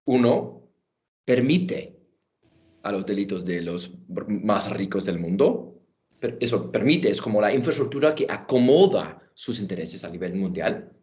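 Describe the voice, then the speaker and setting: A man in his thirties with an American accent, a native English speaker giving a panel talk in halting Spanish, searching for words and mixing in English terms. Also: on the low side, animated, a little mellow. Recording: dull, lo-fi audio.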